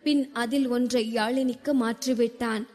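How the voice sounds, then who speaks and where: A woman narrating a novel in steady scripted storytelling, heard with a long hall reverb. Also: on the high side, normal speed. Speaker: audiobook narrator.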